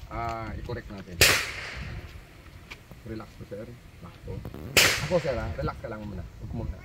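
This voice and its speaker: A man's voice: on the high side, background noise. A man working as a firearms instructor, coaching trainees patiently and repeating his instructions. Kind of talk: hands-on range coaching. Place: outdoor shooting range.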